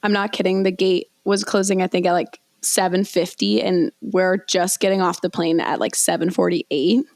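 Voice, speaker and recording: A young woman co-hosting a podcast, telling stories in a chatty, animated way with many fillers. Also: lowish voice, moderate pace, hardly any pauses, no echo. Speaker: podcast co-host. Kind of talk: casual chat.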